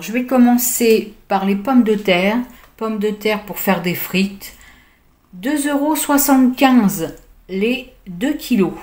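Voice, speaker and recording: A woman's voice: medium pitch, darkish tone. A woman, likely middle-aged, casually walking through her grocery haul in a vlog, hesitant with many fillers as she reads out prices.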